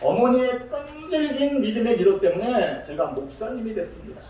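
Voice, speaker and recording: A man's voice: extremely high pitch, expressive, moderate pace, mellow, slight background noise. A man preaching a sermon as pastor, telling stories and acting out the people in them. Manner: storytelling, acts out quoted voices. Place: large church sanctuary. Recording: echoey hall from far off.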